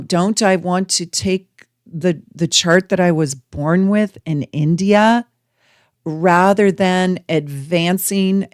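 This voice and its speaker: Unhurried, lowish-voiced woman host explaining astrology conversationally, close dry recording. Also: no echo. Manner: conversational, drawn-out emphatic words, rhetorical questions. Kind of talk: astrology teaching to camera.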